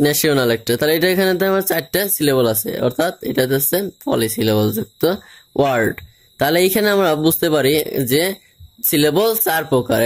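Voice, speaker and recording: Man teaching, slightly high voice. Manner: explains slowly, spelling words out letter by letter and splitting them into parts. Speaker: English grammar teacher. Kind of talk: informal classroom-style explanation.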